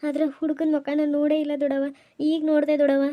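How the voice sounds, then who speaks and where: A woman's voice: high voice, little pitch movement, fast, muffled recording, natural voice. A woman voicing a meek, tearful young village bride who pleads, with a North Karnataka Kannada accent. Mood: pleading.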